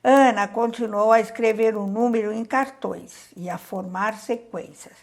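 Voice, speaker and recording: Slow, gravelly-voiced Brazilian woman teacher. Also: medium pitch, fairly even intonation. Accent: Brazilian Portuguese. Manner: patient, counts aloud slowly, asks children questions. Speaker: primary school teacher. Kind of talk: reading out and explaining a school worksheet.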